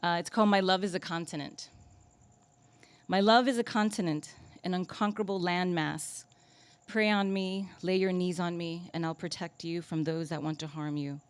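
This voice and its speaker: A woman poet giving a live reading at a coffee shop. She reads her poems in a deliberate, measured way and chats casually and self-deprecatingly between them. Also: fairly low pitch, fairly even intonation, clear, resonant tone, no room sound.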